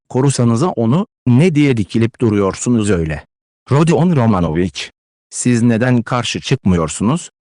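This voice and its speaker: A man's voice: mid-range voice, a little mellow, dry recording, lightly acted. A man voicing a distraught, consumptive widowed mother who pleads and scolds with emotional declamation, in a dry close-miked audiobook read.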